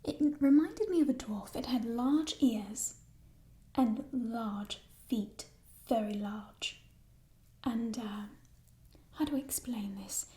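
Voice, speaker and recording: Woman as a slow, whispering playful thief, role-play. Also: fairly high pitch, dark tone. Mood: playful, musing. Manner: playful burglar whisper, hesitant and musing. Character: playful, chatty female thief showing off stolen coins in a fantasy world.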